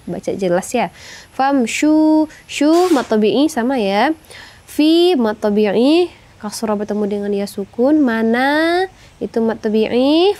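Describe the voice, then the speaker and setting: A woman teaching Quran recitation rules, explaining slowly and singing verses in long melodic phrases. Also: on the high side, darkish tone. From Indonesia. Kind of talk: tajwid lesson with sung recitation.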